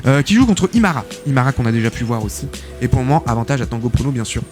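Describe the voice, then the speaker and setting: A man casting a live esports tournament as host, excitable and chatty, full of filler interjections. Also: medium pitch, racing. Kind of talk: live game commentary. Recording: game music behind the voice. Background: game music.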